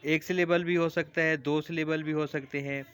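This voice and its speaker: A man's voice: a little high, little pitch movement, moderate pace, a bit bright, clear, resonant tone. A man, explaining a lesson as a teacher, patient and repeating examples.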